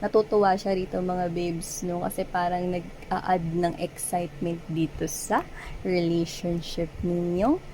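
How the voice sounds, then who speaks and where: A woman's voice: lowish voice, fairly even intonation, measured pace, mellow, slight background noise, poor audio. A woman with a Filipino accent giving a casual tarot reading, chatting in mixed Tagalog and English and often tagging her sentences with "no?". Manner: chatty, frequent "no?" tag questions, mixes English and Tagalog. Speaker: tarot reader.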